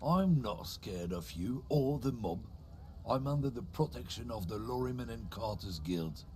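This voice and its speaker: An actor playing a defiant, thuggish truck driver in a video game, talking in a sneering, combative manner. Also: male voice, mid-range voice, lively intonation, unhurried, darkish tone, slight background noise, lightly acted. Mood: defensive. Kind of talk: dramatic video game dialogue.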